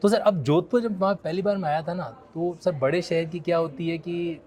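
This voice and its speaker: A man's voice: on the high side, normal speed, mellow. Respectful Indian man in his thirties. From Rajasthan, India. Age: 30s. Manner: respectful, frequently addresses the other as sir. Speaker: law educator. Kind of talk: casual conversation.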